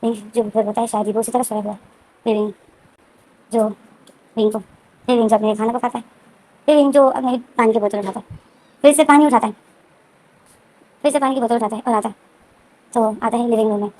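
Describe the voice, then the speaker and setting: A woman recapping a story in a casual, rambling way, circling back over the same points with many restarts. Her voice is high and quick, with a dark, mellow tone. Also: rough recording. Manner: repetitive, frequent restarts and fillers. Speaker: story explainer.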